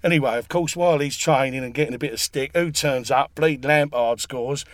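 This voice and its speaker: A man's voice: mid-range voice, brisk, dry recording. A man in casual football chat, rowdy and jokey, swearing freely. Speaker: football fan pundit.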